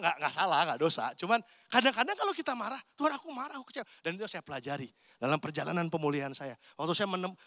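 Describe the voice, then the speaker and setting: A man, conversational and animated, acting out little dialogues. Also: a little high, no echo, studio quality. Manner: animated, conversational preaching with acted asides. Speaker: pastor. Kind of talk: sermon. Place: church.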